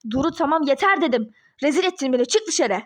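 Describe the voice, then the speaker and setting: A woman's voice: sits high, animated, quick pace, no room sound. A woman voicing an irritated man at his workplace, defensive and brushing off his ex-wife in a toy-game role-play drama. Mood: exasperated.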